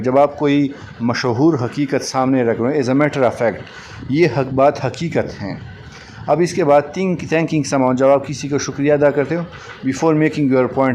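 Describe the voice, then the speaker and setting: A man teaching a lesson. He reads English phrases slowly and deliberately, then explains each one. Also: medium pitch, a little mellow, a little hiss or hum, poor audio. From Pakistan.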